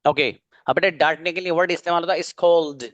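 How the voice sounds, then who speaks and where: Man, online English teacher, coaxing, repeats points, slightly high voice, dry sound. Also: brisk, fairly bright tone, dry recording, highs cut off. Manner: coaxing, earnest, repeats himself. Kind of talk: online spoken English class.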